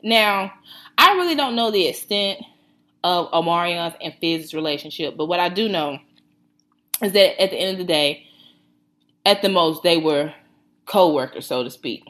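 A woman's voice: on the low side, normal speed, long pauses. A woman in her thirties with a Southern US accent, co-hosting a podcast in casual, laughing, slangy chat. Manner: animated, laughing, slangy storytelling. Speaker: podcast co-host.

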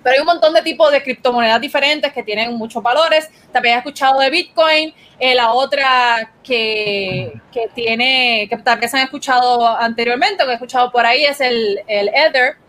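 A woman's voice: a little high, normal speed, hardly any pauses, fairly bright tone. A Puerto Rican woman giving a casual explainer as host of a gaming segment, mixing English words into her Spanish in Spanglish.

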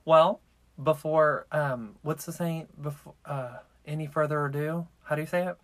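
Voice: mid-range voice, steady tone, moderate pace, fairly bright tone. Podcast host, campy and sassy, loose casual storytelling, mid-range voice, recorded inside a clothes-filled closet. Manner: campy, sassy, profane slang. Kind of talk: casual chat and true-crime storytelling.

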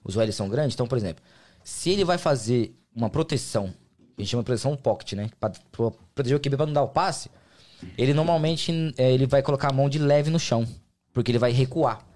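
A man's voice: mid-range voice, quick pace, darkish tone. A man with a Brazilian Portuguese accent, explaining American football in slangy, casual interview talk as a player and guest. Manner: slangy, colloquial, explains with examples.

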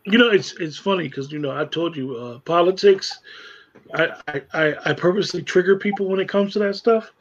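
A man's voice: high-pitched, fairly quick, lo-fi sound. A man in casual conversation, speaking emphatically and repeating words as he builds his point. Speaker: podcast co-host.

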